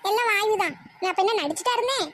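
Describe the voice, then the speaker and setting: A woman's voice: extremely high pitch, racing, over loud music, pitched above the performer's own voice. A woman voicing a sulky, dramatic grown daughter, whining and complaining in a cartoon. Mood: whiny. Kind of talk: cartoon voice acting. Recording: loud background noise.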